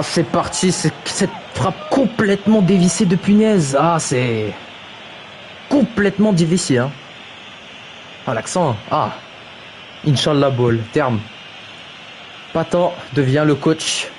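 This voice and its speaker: A man's voice: mid-range voice, darkish tone, slight background noise. Joking French-speaking man calling a game match. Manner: jokey, mocks players' names, reads chat aloud, exclaims "aïe aïe". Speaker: streamer commentating a video game football match. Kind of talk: playful live play-by-play commentary. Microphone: streaming microphone.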